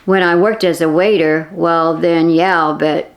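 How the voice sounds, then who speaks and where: Woman doing a talkative female cashier, folksy, low voice, gravelly edge. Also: steady tone, measured pace. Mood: chatty. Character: chatty, gossipy female store cashier.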